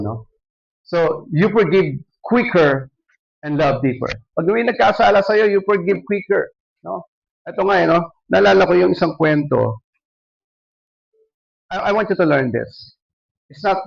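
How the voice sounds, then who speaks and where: Gravelly Filipino pastor preaching. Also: male voice, medium pitch, dull audio. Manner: switching between Tagalog and English, preaching with questions to the congregation. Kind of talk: sermon.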